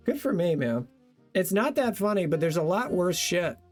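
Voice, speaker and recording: Young male streamer, casual self-mocking chat, animated pitch, faint guitar music under. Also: normal speed. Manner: reads old joke notes aloud, laughing at himself, thanking donors.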